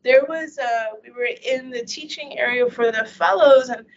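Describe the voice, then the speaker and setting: A woman's voice: high-pitched, moderate pace, gravelly. A woman physician giving a case-based medical lecture in a chatty, anecdotal storytelling manner. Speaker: infectious disease physician lecturing. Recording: dull lo-fi audio with faint hiss.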